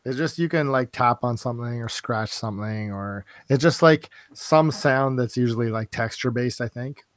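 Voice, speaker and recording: A man co-hosting a casual podcast chat, with a raspy, husky voice, teasing and laughing often. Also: mid-range voice, normal speed, dry recording, studio quality. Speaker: podcast co-host.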